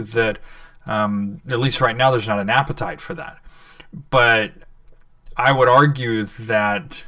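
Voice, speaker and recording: A man co-hosting a podcast, talking politics in a casual, conversational way with lots of fillers and sudden animated rises in pitch. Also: no room sound, recorded from a distance. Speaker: podcast co-host.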